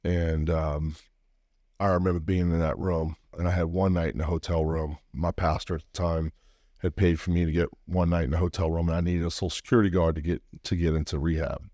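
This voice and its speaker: A man's voice: low-pitched, little pitch movement, brisk, mellow, no room sound, studio quality. A man from Louisiana, a podcast guest, telling his life story in an earnest, heartfelt, reflective way. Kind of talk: personal storytelling interview.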